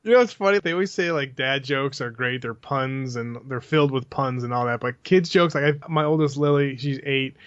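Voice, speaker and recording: Casual male podcast co-host, thirties, lively storyteller who laughs often; dry, lo-fi recording. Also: mid-range voice, brisk, hardly any pauses, smooth, no echo. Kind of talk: casual chat. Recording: dry, dull lo-fi sound.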